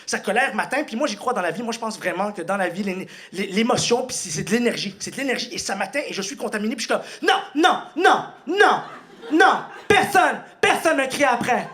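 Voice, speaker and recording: A young man with a Quebec French accent doing a stand-up routine in a comedy club, animated and breaking into shouted impressions. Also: quick pace, hardly any pauses. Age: young adult. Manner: animated, bursts into shouted high-pitched impressions. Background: audience laughter.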